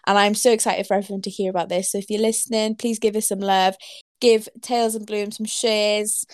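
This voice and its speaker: A woman's voice: medium pitch, level tone, a little fast, dry recording, clean studio sound. A woman with a Welsh accent hosting a podcast interview, chatting in a bubbly, enthusiastic way and laughing often. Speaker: podcast host. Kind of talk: casual interview chat.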